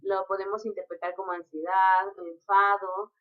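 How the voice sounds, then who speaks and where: A woman giving a recorded lecture, explaining each point in an unhurried teaching manner. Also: mid-range voice, little pitch movement. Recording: dull lo-fi recording.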